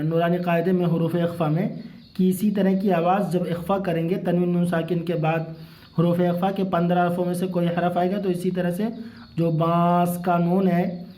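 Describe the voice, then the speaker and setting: A man teaching a reading lesson, who asks and answers his own questions and repeats words slowly. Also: sits high, warm tone. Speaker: Urdu and Arabic reading teacher. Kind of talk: slow classroom-style reading lesson.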